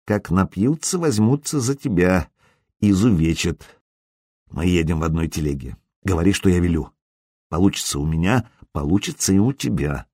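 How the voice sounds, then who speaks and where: A man's voice: low voice, expressive, unhurried, darkish tone, no room sound, studio quality, exaggerated voice. A man doing a hissing, whispering bounty hunter. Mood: menacing. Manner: hissing through barely moving lips.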